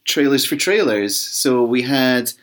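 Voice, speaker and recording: A man's voice: mid-range voice, expressive, a little slow. A man co-hosting a podcast, chatting casually and laying out his fan theories. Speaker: podcast co-host. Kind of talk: casual chat.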